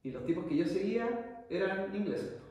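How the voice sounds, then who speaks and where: A Chilean man tells stories in a relaxed, chatty way, full of local slang. His voice sits a bit high for a man. He sounds set back from the mic in a room with a long, ringing echo. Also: normal speed. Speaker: podcast co-host. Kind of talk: casual podcast chat. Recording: very echoey room, far from mic.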